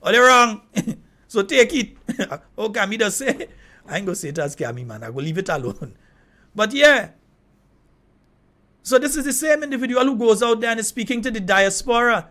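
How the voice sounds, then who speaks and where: Man, high voice, radio call-in host, indignant animated commentary. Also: normal speed. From Trinidad. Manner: animated, indignant, laughing asides. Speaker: radio talk show host.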